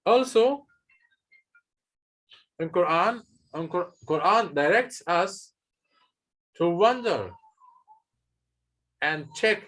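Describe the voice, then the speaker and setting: Unhurried male teacher, slightly high voice. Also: a bit bright. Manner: patient, explains step by step with frequent hesitations. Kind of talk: classroom lesson, questions and answers. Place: classroom with students.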